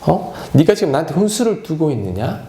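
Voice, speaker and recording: A preacher voicing a stern, demanding God. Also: male voice, a little high, big pitch swings, a little mellow, roomy sound. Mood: scolding. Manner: demanding, rapid-fire rhetorical questions. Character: stern almighty male God interrogating a man.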